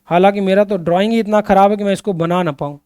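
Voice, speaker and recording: A man's voice: high voice, fairly even intonation, quick pace, darkish tone, clean tone, no echo, clean studio sound. A man teaching Hindi grammar to students in an online lesson, often repeating his questions and calling his students children. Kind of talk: classroom-style online lesson.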